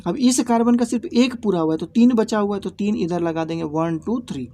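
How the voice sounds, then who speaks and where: Mellow-voiced man teaching a lesson. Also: high-pitched, fairly quick. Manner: repetitive, checks understanding with tag questions. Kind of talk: classroom lesson.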